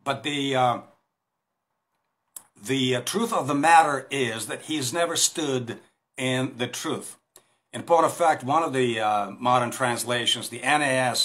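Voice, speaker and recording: With a medium-pitched, slightly bright voice, a hesitant Russian-accented Bible teacher in his fifties addresses a phone at arm's length in a small room against a plain wall. He gestures while giving this informal recorded talk, stumbling through fillers and restarts.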